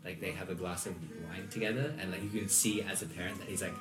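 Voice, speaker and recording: A podcast host in casual chat, talking in a relaxed way with lots of fillers. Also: deep voice, quick pace, roomy sound, over music, poor audio.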